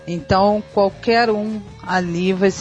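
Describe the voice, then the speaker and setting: A woman's voice: mid-range voice, steady tone, takes it slowly, highs cut off, faint music behind. A woman with a Brazilian accent co-hosting a radio show, talking with enthusiasm and many hesitant fillers. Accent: Brazilian Portuguese. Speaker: radio co-host. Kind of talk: casual radio chat about rock music.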